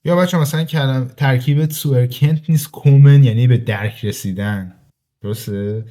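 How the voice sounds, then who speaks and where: A man teaching a language grammar lesson, reading example sentences slowly and then explaining them quickly to his students in a casual way. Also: medium pitch, dark tone. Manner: addresses listeners informally as "kids". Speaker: German teacher.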